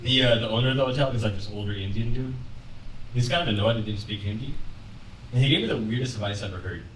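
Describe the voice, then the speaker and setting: A young man doing a conversational, deadpan stand-up set on a comedy club stage, laughing lightly at his own lines. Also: medium pitch, quick pace, slight background noise. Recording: roomy club sound from a distance, with audience laughter. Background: audience laughing.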